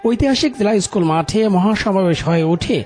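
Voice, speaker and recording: Male news reporter, formal scripted voice-over, higher register. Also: fairly quick. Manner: steady formal news reading.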